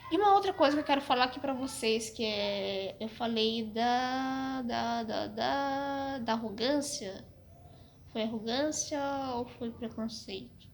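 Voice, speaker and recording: A woman's voice: a little high, measured pace, gravelly, a little hiss or hum. A young woman with a Brazilian Portuguese accent talking frankly to camera, hesitant and full of restarts, with a slight cough. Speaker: vlogger. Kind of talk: casual personal storytelling to camera.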